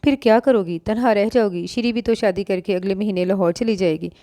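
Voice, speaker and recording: A woman's voice: medium pitch, brisk, mellow, no room sound, studio quality, lightly acted. A woman voicing a blunt young married woman who lectures her friend, in a read-aloud novel. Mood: pushy.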